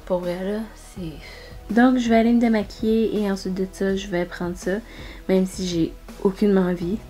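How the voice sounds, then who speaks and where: A woman's voice: medium pitch, steady tone, normal speed, warm tone, soft background music. A woman with a Quebec French accent talking casually and candidly to her vlog viewers. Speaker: vlogger.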